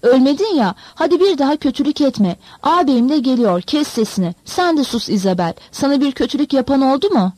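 A woman's voice: sits high, animated, a little fast, few pauses, dark tone, no room sound, poor audio. A woman voicing an upset, fiery young girl in a storybook reading, scolding a boy. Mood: reproachful. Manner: scolding, reproachful.

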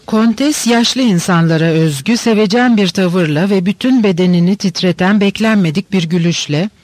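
Male audiobook narrator, classic novel, measured storytelling, high voice, dry close recording. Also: a little mellow, no room sound. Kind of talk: scripted literary narration.

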